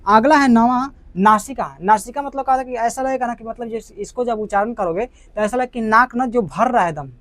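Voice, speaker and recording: A man's voice: sits high, dry recording. A man with a Bihari Hindi accent, teaching a grammar lesson, repeating terms and checking understanding with rhetorical questions.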